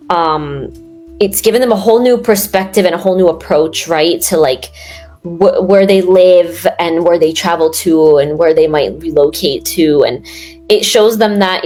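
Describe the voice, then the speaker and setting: A woman's voice: on the low side, a little mellow. A young woman from New York in a casual interview, talking in a rambling way with lots of fillers and restarts. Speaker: guest.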